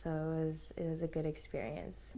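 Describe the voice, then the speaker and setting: A young woman from Japan, talking about herself for a documentary interview. Her voice sits low with a gravelly, creaky edge. She speaks in an even, flat tone and often lets her phrases trail off softly. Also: normal speed. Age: young adult. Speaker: college student interviewee.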